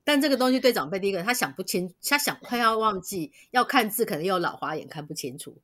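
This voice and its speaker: A woman with a Taiwanese Mandarin accent hosting a podcast in a casual chat, lively and agreeable, often chiming in with quick agreement. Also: medium pitch. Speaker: podcast host.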